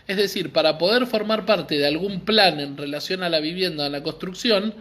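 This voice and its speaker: Speaking fairly quickly in a high-pitched, slightly bright voice, a man with an Argentine accent delivers an earnest live-streamed explanation for a community library. He frequently checks in with his audience.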